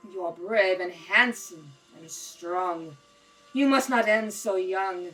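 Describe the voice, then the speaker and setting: A woman's voice: lowish voice, slow, fairly bright tone, faint music behind, low-quality recording. Woman playing a bold young space princess. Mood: admiring. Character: bold young alien princess, commanding and amorous. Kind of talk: old-time radio serial acting. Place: home kitchen table. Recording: home recording with faint noise.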